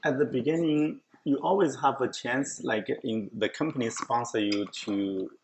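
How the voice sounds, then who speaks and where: A show host from China, middle-aged and Chinese-accented, tells his story in an easygoing chat, often laughing mid-sentence. He speaks at a medium pitch and normal pace, though the audio quality is poor.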